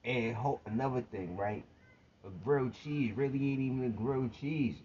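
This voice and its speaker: A man's voice: mid-range voice, moderate pace, mellow. A man in casual banter, emphatic and swearing freely, repeating himself to make his point. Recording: dull lo-fi sound with faint noise.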